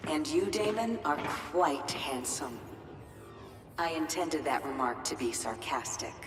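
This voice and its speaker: A woman's voice: low-pitched, lively intonation, measured pace. A woman voicing a precise, formal female workshop AI with a dry, matter-of-fact manner. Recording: echoey hall from far off with game music.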